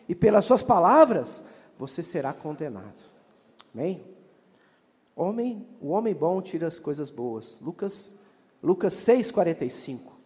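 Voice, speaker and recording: A man's voice: sits high, a little mellow, long reverb tail. A Brazilian man preaching a fervent sermon, reading scripture aloud and calling out to the congregation. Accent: Brazilian Portuguese.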